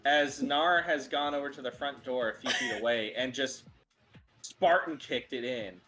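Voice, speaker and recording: A man's voice: medium pitch, normal speed, over music, poor audio. A man running a tabletop game as game master, narrating with frequent laughs and fillers.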